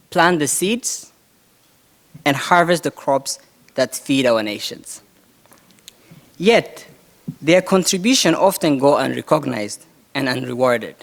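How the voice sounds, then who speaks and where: A man delivering a prepared, formal speech in a measured way. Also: a little high, fairly bright tone. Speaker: speaker.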